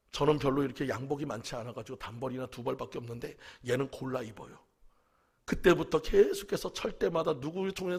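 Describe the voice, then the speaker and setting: A man preaching as a pastor, telling a personal testimony and swinging from hushed whispers to crying shouts. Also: a little high, gravelly, slightly rough. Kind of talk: emotional testimony sermon.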